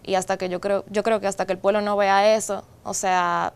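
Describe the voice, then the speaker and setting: A Dominican woman speaks as a guest on a studio talk show, pressing her points with emphasis. Her voice is smooth and clear, at a middle pitch for a woman. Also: flat delivery, a little fast. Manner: emphatic, agreeing often with "exacto". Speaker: guest, youth campaign member.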